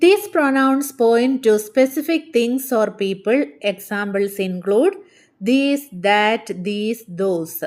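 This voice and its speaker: A woman with a Malayali accent teaching an English grammar lesson. She reads English lines slowly and deliberately, then explains them more quickly in her own language. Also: on the high side, lively intonation, darkish tone.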